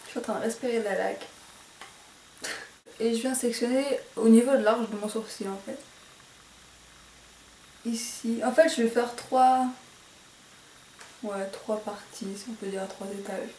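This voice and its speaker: A woman's voice: fairly high pitch, fairly even intonation, a little slow, pauses often, mellow, a little hiss or hum. A woman with a posh French accent talks through a hair tutorial, hesitating and correcting herself with many fillers. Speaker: beauty vlogger. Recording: echoey room, mic at a distance.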